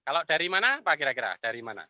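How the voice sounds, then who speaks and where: Bright-voiced man teaching Arabic. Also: medium pitch, sing-song, dry recording. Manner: explains patiently, repeats Arabic phrases slowly. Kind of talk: online class lecture.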